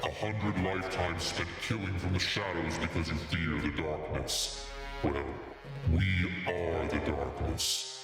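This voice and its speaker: A man voicing a possessed man who speaks as a vengeful demonic legion, with a booming voice, menacing delivery and heavy reverb. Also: steady tone, music in the background. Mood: grave menace. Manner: possessed, slow, menacing proclamation. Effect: heavy cavernous reverb. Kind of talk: dramatic scripted clip.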